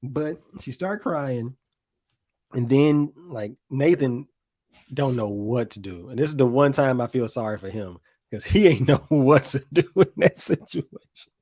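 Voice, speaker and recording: A man from the American South with a Southern accent, co-hosting a podcast and recapping scenes in a relaxed, casual way. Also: medium pitch, a little slow, no room sound. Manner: laid-back storytelling, recaps scenes with quoted lines. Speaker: podcast co-host. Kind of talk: casual chat.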